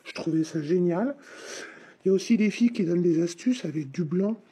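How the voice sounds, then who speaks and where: A woman's synthetic text-to-speech voice stands in for a craft vlogger's own, rambling informally through a casual unboxing vlog. It sounds lowish, warm, and slightly rough, with animated, brisk delivery.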